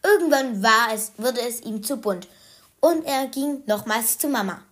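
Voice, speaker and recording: A woman narrating a children's story, gently speaking straight to the young listener. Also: on the high side, animated, unhurried. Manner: gentle, addresses the listener directly.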